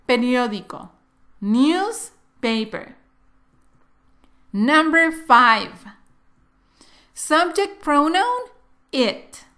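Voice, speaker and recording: Slow, high-voiced woman teaching English. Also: a bit bright. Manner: drills words slowly and repeats each phrase twice. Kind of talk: slow, clear bilingual English lesson.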